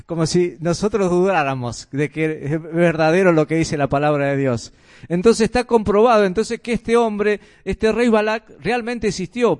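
A man's voice: high voice, darkish tone. A man with a Rioplatense Spanish accent preaching a sermon in a conversational way, asking his listeners rhetorical questions.

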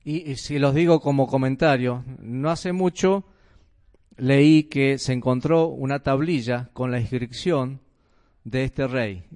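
A man's voice: mid-range voice, slow pace, darkish tone. Rioplatense man preaching a sermon. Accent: Rioplatense Spanish. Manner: conversational, asks rhetorical questions.

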